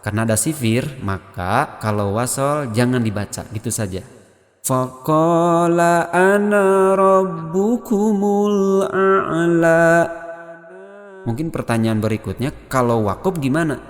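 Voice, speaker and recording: A man's voice: mid-range voice, fairly quick, few pauses, long reverb tail, faint music behind. An Indonesian-accented man teaching Quran recitation rules, explaining step by step and chanting verses as examples. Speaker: tajwid teacher.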